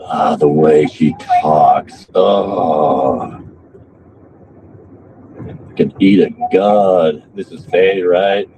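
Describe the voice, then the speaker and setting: A man's voice: extremely low pitch, very slow, vocal fry, long pauses, warm tone. A man bantering casually on a livestream in a crude, taunting way. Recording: muffled lo-fi stream with background noise.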